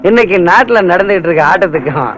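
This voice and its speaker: A sneering gangster villain. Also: male voice, sits high, lively intonation, quick pace, low-quality recording. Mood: mocking. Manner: sneering, lecturing. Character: smug gloating male kidnapper, mocking. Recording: film soundtrack with loud music.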